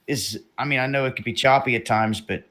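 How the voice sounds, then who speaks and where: A man's voice: medium pitch, brisk, sharp tone. A man hosting a live stream, talking in a rambling, opinionated way about world news and drones, swearing casually. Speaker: livestream host.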